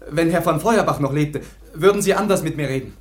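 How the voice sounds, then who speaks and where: A man's voice: a little high, brisk, reverberant, close to an everyday voice. A man playing defiant young Kaspar Hauser. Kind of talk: 1960s German radio play acting.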